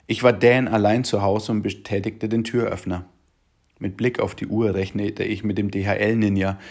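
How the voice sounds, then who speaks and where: A man's voice: lowish voice, a little mellow. A man, a teacher, reading his comic diary at home in a dry, self-mocking way.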